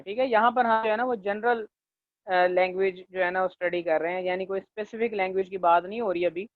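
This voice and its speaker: A male linguistics lecturer teaching a class, leaning on fillers and checking in often, and slowing down to dictate definitions. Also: high voice, dry recording. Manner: leans on the filler "jo hai na" and checks in with "theek hai"; slows down to dictate English definitions. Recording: tinny, dry, phone-like recording.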